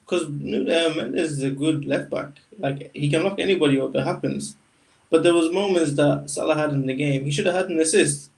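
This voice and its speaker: A man's voice: a little high, a little fast, gravelly, darkish tone, recorded from a distance, rough recording. A man co-hosting a casual football podcast, arguing directly with casual slang. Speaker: podcast co-host, Liverpool fan.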